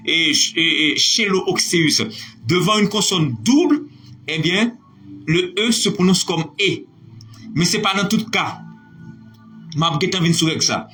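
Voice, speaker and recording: Lively high-voiced male teacher spelling aloud. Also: measured pace, faint music behind. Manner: spells words letter by letter, praising students. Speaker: online French teacher. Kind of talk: live online spelling lesson.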